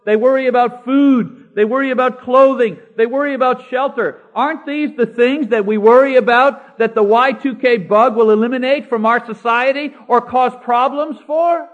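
A man preaching a sermon, slowing down to stress key words and citing scripture by chapter and verse. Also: very high voice, fairly even intonation. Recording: dull lo-fi recording.

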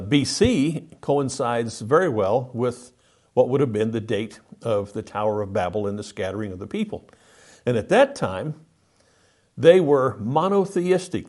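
A man's voice: medium pitch, darkish tone. A man teaching a Bible study lesson, walking through slides step by step and reading scripture aloud with emphasis.

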